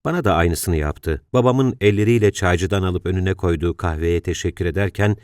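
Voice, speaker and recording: A man reading an audiobook in a calm, measured storytelling voice. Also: low voice, smooth, no room sound, clean studio sound. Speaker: audiobook narrator. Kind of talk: scripted audiobook narration.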